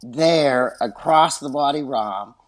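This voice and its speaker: A man's voice: medium pitch, slow. A man with a West Texas twang, chatting casually and enthusiastically as a podcast guest. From West Texas, USA. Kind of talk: casual chat.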